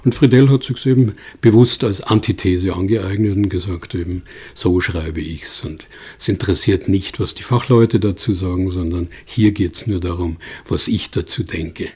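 Deep husky male expert explaining. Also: moderate pace, hardly any pauses, a little mellow. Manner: thoughtful, explanatory, with fillers. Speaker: expert guest. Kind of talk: conversational explanation.

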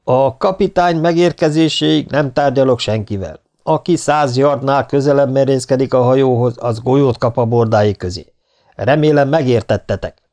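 A man's voice: medium pitch, darkish tone, lightly acted. A man voicing a young male lieutenant, a stubborn officer who gives firm, clipped orders in an audiobook. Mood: stern.

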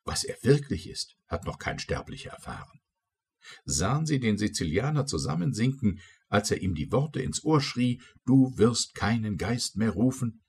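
A man's voice: on the low side, big pitch swings, normal speed, darkish tone, breathy edge, voice pushed up, heavily acted. A man voicing a noble young prince who questions intently, in an audiobook reading. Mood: earnest.

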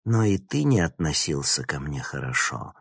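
A man's voice: very deep voice, big pitch swings, normal speed, vocal fry, breathy edge, dry recording, pitched below the performer's own voice, heavily acted. A male narrator voicing a bitter, vengeful young woman villain with a sneering, spiteful manner.

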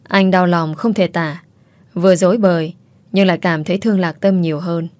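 A woman, narrating a story in a steady, measured reading. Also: fairly low pitch, no room sound.

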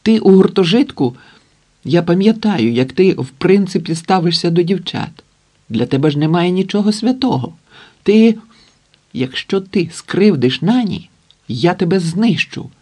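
A man voicing a jealous, nerdy young man who shouts in a shrill falsetto. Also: animated, unhurried. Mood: furious shrieking.

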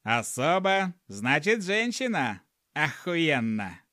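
A man's voice: on the high side, big pitch swings, slow, sharp tone, dry recording, studio quality, heavily acted. A man voicing a foul-mouthed, hot-tempered male gnome who grumbles and swears constantly in an audiobook. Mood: excited. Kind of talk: audiobook character voice.

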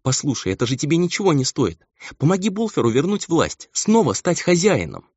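A man's voice: mid-range voice, very animated, a little fast, no echo, pitched above the performer's own voice. A man reading an audiobook, voicing a timid young male angel who pleads on the verge of tears. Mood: desperate. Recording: dull lo-fi audio.

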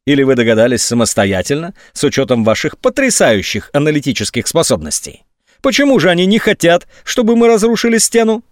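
A man reading a story aloud, voicing a scornful army general who mocks his subordinate in a high, sneering voice. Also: sing-song, a little fast, dry recording, studio quality. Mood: sarcastic. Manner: mocking, sneering, sometimes shrill. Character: sarcastic, scornful male army general on phone.

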